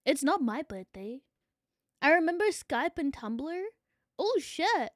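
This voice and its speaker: A woman's voice: sits high, sing-song, takes it slowly, no room sound, studio quality. A young adult woman streaming as a VTuber, chatting playfully with her viewers and swearing casually. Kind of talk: casual livestream chat.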